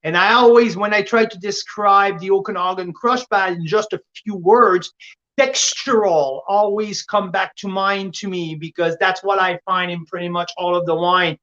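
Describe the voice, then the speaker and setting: High-voiced man, sommelier-style wine chat. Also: fairly even intonation, normal speed, bright, forceful tone. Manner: sommelier-like wine tasting talk. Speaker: host and wine reviewer. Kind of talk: casual wine tasting chat. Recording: dull, lo-fi audio.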